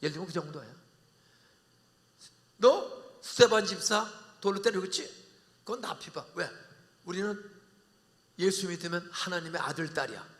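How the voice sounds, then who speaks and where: An older man preaching a revival sermon, leading call-and-response and bantering bluntly with the congregation, with sudden shouted peaks. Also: high-pitched, normal speed, pauses often. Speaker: pastor. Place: large church sanctuary. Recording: long church hall reverb.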